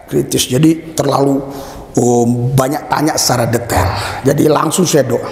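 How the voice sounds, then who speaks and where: A man preaching a sermon as a pastor, telling a story with acted-out dialogue and bursts of shouted praise. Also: mid-range voice, steady tone, normal speed, vocal fry. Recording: echoey hall with long reverb.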